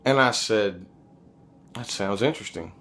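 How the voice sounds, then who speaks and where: A man with a fairly low-pitched but fairly bright voice speaks a little slowly over slight background noise. Like a vlogger, he tells personal stories in a casual, rambling, confessional way, blunt and profane.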